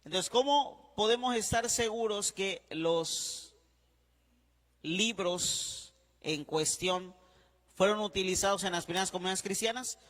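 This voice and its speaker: High-voiced priest lecturing slowly. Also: male voice, a bit bright, long reverb tail. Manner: repeats points and checks in with the class; spells words out letter by letter. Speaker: priest teaching a diploma class. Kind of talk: classroom lecture.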